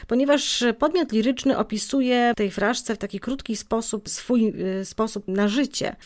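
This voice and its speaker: A woman's voice: medium pitch, a little mellow. A woman giving a spoken lesson to students, explaining at length with many hesitant fillers and asking questions she then answers herself. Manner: addresses students directly, asks and answers own questions. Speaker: teacher.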